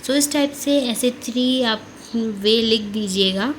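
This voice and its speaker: A woman with an Indian accent, teaching exam preparation and reading questions aloud slowly, word by word. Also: on the high side, slight background noise, poor audio. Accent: Indian, mixing Hindi and English. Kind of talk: lesson explaining an exam paper.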